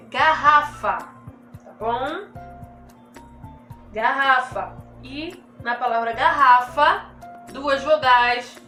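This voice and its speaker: Woman, teacher, high voice, slow stressed words, keeps checking in with pupils, echoey room. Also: pushed and bright. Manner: slow, drawn-out emphasis on key words. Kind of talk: remote grammar lesson for children. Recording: echoey room with faint music.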